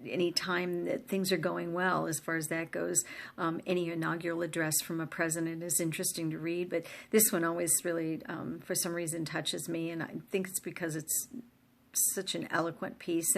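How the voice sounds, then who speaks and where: An older woman with a slightly low, soft voice introduces a reading in a casual, unscripted way. She talks gently and hesitantly, pausing often as she searches for the right words. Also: level tone, vocal fry. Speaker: reader.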